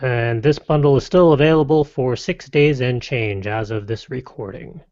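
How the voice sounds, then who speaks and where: A man hosting a casual podcast, reading lists briskly and adding wry, playful asides. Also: mid-range voice, darkish tone. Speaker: podcast host. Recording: dull lo-fi dry podcast audio.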